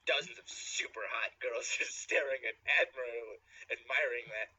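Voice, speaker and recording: A man doing a deadpan, sardonic mock-dramatic fanfiction reading, recorded lo-fi. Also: medium pitch, normal speed, husky. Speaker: comedic fanfiction reader. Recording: lo-fi, dull sound.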